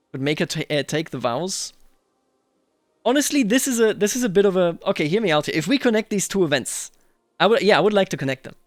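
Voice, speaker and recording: A man with a voice on the high side hosts a strategy game roleplay, thinking aloud as he comments and narrates in a musing, deliberate way. There's no room sound.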